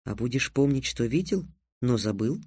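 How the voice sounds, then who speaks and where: A man voicing a teasing, practical young girl companion in a soft, quiet voice. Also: mid-range voice, animated, moderate pace, breathy edge, no room sound, studio quality.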